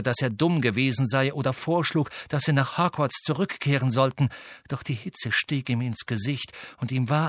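A man reading a novel aloud as an audiobook narrator, in a measured storytelling manner. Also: medium pitch, no room sound. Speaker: audiobook reader. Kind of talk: scripted narration.

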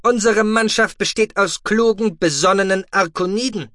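A man voicing a calm, dry-witted male alien ship commander in an audiobook, commanding and sardonic. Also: high voice, normal speed, dry recording, voice pushed up.

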